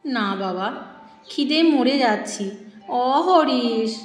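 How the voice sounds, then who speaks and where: Woman putting on a whiny, half-blind old granddad with high, drawn-out calls, in an echoey hall with soft music. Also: lively intonation. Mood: whining, plaintive. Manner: plaintive, drawn-out wailing calls.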